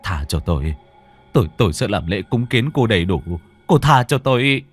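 A man's voice: on the low side, big pitch swings, moderate pace, breathy edge, dry recording, faint music behind. A man voicing a terrified old man who stammers and begs. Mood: begging. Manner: stammering, pleading.

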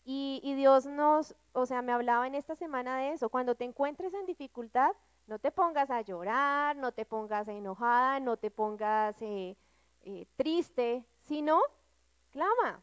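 Smooth-voiced woman sharing scripture. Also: high-pitched, unhurried. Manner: earnest, rising to emphatic cries when reading. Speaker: church prayer group member. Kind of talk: church devotional sharing with scripture reading.

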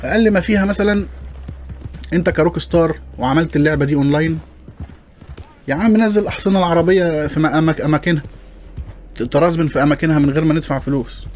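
Egyptian male gaming host, quick and joking running commentary, a little higher voiced than most men. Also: a little mellow. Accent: Egyptian Arabic. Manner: joking, chatty, complaining to viewers. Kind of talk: gameplay commentary.

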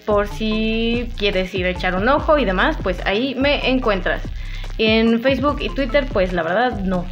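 A woman with a Mexican accent chatting casually and playfully to her viewers while doing her makeup, laughing often. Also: a little high. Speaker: makeup vlogger. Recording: dull lo-fi with faint music.

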